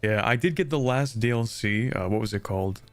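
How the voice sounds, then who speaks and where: A man's voice: medium pitch, fairly quick. A man chatting casually as he plays a strategy game alongside a streamer. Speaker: gamer, co-op partner on stream. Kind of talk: casual gaming chat. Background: music.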